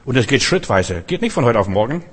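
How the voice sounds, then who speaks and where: A male pastor preaching a sermon, repeating key phrases emphatically and swinging between loud calls and quiet asides. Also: mid-range voice, very animated, fast, husky.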